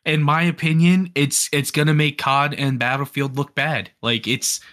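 A young man co-hosting a casual gaming podcast, talking excitedly and rambling with frequent restarts. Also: fairly high pitch, normal speed. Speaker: podcast co-host. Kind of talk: casual gaming news chat.

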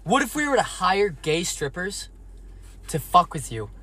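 A man's voice: high voice, very animated, unhurried, pushed and bright. A young man co-hosting a podcast, trading crude jokes and laughing a lot. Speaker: podcast co-host. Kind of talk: casual chat.

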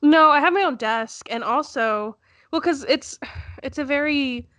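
Young woman w a stuffed up nose, kinda high voice, giggly rambling podcast chat, dry close sound. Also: a little slow, fairly bright tone, dry recording. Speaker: podcast co-host. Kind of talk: casual chat.

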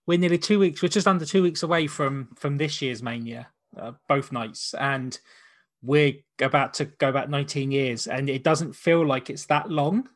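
A man's voice: medium pitch, steady tone, normal speed. A man hosting a casual watch-along podcast, rambling and often rephrasing himself as he goes. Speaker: podcast host.

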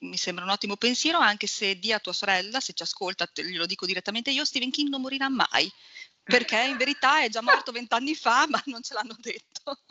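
A woman in her forties chatting casually as a podcast co-host, self-deprecating and quick to laugh, over a low-quality stream. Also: sharp tone. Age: 40s. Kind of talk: casual chat about books. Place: remote call recording, no studio. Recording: low-quality stream, dull lo-fi online connection.

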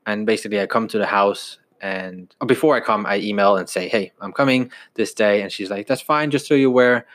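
A man in his twenties from Denmark, telling stories in a relaxed, casual podcast chat with some restarts. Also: lowish voice, a little fast. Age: 20s. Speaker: podcast co-host.

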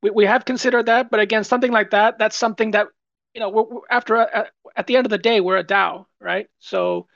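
A man's voice: high voice, fairly even intonation, fast talker, gravelly, fairly bright tone, no room sound, highs cut off. A man on a community call, answering in a chatty way, repeating words and asking "right?". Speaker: project team member. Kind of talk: casual AMA chat.

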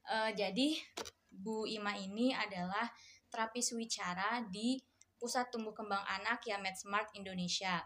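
A woman's voice: medium pitch, fairly even intonation, a little slow, a bit bright, slight background noise. A woman hosting an interview show, asking her guest questions in a friendly, chatty manner. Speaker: interview host.

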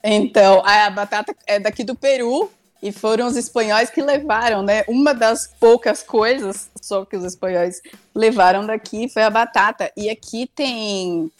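A woman's voice: mid-range voice, normal speed. A woman, co-hosting a casual chat with friends and telling stories full of fillers. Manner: chatty storyteller, lots of fillers. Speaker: podcast co-host.

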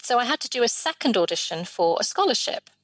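A woman voicing a guest's life story in an interview, in measured, drawn-out phrases. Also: fairly high pitch, big pitch swings, no echo.

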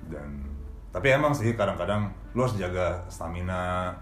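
A man's voice: deep voice, moderate pace, reverberant, soft background music. A news anchor man talking casually about his work, slipping English phrases into his speech and laughing often. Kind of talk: casual podcast interview.

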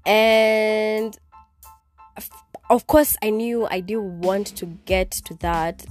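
A young Kenyan woman, a native Kikuyu speaker, hosts a casual solo podcast from her bed, recording on her phone. Her medium-pitched, slightly mellow voice rambles along, packed with "like" and sprinkled with Swahili words.

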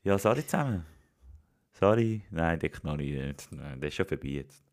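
A man's voice: rumbling low, animated, moderate pace. A man co-hosting a casual podcast chat, joking and bantering playfully. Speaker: podcast co-host.

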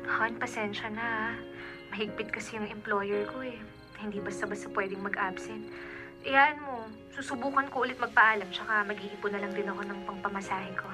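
A woman's voice: mid-range voice, fairly even intonation, brisk, natural voice. A woman playing a weary, apologetic wife and mother working overseas in a radio drama, reassuring and evasive in manner. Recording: background music under the voice.

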